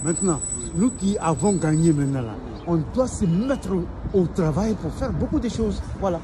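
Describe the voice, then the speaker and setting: A man interprets with earnest self-assurance, repeating yes and voilà as he goes. His voice is fairly high. Clear traffic and street noise fill the background outdoors. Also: expressive, moderate pace. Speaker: street interpreter, prank target. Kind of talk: improvised interpreting.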